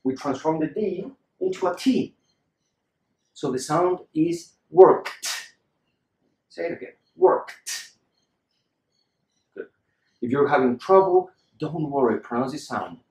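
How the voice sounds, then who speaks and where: A man's voice: on the high side, moderate pace, darkish tone, reverberant. A man teaching English pronunciation in a patient lesson style, repeating example words for the learner to copy.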